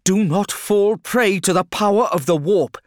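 A man's voice: high voice, unhurried, voice pushed up. A man voicing a grave warrior psyker. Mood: ominous warning. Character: stern male psyker warrior, ominous and grave.

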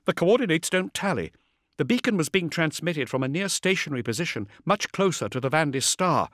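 A man voicing a brisk female communications officer on a warship bridge, giving clipped technical reports in a raised voice. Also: fairly high pitch, expressive, fairly bright tone, no echo, studio quality, voice pushed up. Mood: brisk reporting.

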